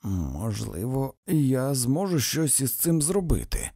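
A man with a gravelly, husky voice voicing a bewildered young man who pleads and shouts in an audiobook. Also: mid-range voice, sing-song, slow, no room sound, studio quality, voice pushed up, full character voice. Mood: desperate.

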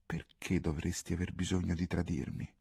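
A man reading the part of an anxious young man in love, hushed, strained and earnest. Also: low voice, level tone, moderate pace, gravelly, breathy edge, exaggerated voice. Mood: pleading.

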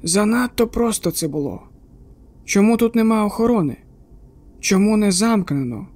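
A man voicing a nervous male detective in an audiobook, speaking in a hushed, urgent whisper. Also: high voice, moderate pace, lightly acted. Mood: wary whisper. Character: uneasy male partner detective, wary, urgent. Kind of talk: audiobook character voice.

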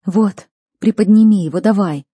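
A woman's voice: mid-range voice, moderate pace, dark tone, breathy edge, no room sound, voice pushed up, natural voice. A woman voicing an anxious but commanding young female healer student, urgent and raised in a storybook reading.

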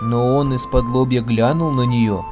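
Brief: male narrator, mid pitch, calm storybook reading, faint music in the background. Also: normal speed. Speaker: reader.

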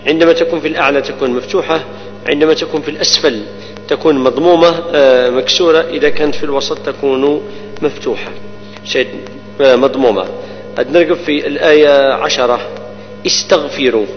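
A man teaches the rules of Quran recitation, explaining each rule and then reciting example words slowly and repeating them. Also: a little high, steady tone, faint music behind. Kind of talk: tajweed lesson with recited examples. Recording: dull lo-fi recording with long reverb and hum.

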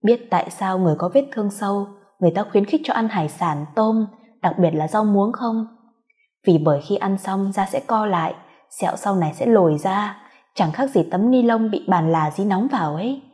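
Woman reader as bitter grieving wife, cold contempt, warm low tone. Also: moderate pace, close to an everyday voice. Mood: coldly calm. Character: bitter vengeful wife grieving her son.

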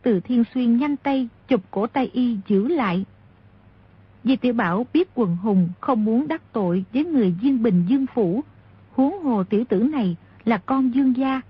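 A woman narrating a martial-arts novel in a steady storytelling voice. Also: a little high, normal speed, husky. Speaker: audiobook narrator. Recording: dull lo-fi audio.

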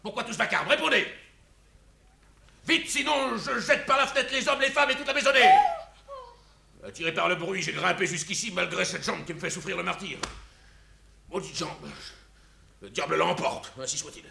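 A bellowing old army general with a bad leg. His voice is high, gravelly and piercingly bright. It sounds like a roomy 1950s stage recording. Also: expressive, normal speed, long pauses, a little hiss or hum, exaggerated voice. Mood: furious. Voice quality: gravelly, commanding. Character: gruff old general with aching leg, hot-tempered. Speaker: general Don Lope de Figueroa. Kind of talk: 1950s stage radio drama.

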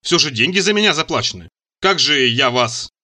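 A man's voice: mid-range voice, expressive, moderate pace, sharp tone. A man reading as a meek simple-minded slave. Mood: embarrassed. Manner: meek, mumbling and artless. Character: simple-minded burly male slave, a former miner.

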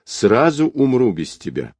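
Tearful young woman whispering, voiced by a male reader, soft and close. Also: medium pitch, very animated, a little slow, no echo, voice pushed up. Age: young adult. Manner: whispering through tears.

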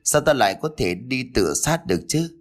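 A man voicing a blunt, quick-tempered old village farmer in an audiobook ghost story. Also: mid-range voice, big pitch swings, pitched above the performer's own voice. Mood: bewildered. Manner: blunt and gruff.

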